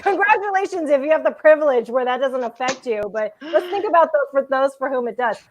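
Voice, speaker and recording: A woman's voice: high-pitched, fast, slight background noise, poor audio. A woman podcaster talking emphatically and chattily, with many likes, in a casual discussion over a video call.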